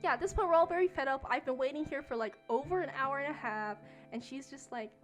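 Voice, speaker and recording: A woman's voice: high-pitched, fast, fairly bright tone, faint music behind. A young woman streamer telling a story casually while she plays a game, talking in a chatty way with lots of fillers.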